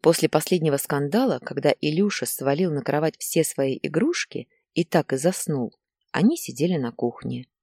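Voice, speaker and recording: A woman narrating a story in an even, measured way. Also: sits low, husky, dry recording, studio quality. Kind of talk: audiobook narration.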